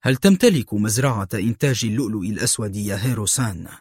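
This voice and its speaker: A shrewd police inspector, played by a male narrator, speaking low, quiet and measured with a stern edge. The husky voice sits close and dry in this audiobook tale. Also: no echo. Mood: calm.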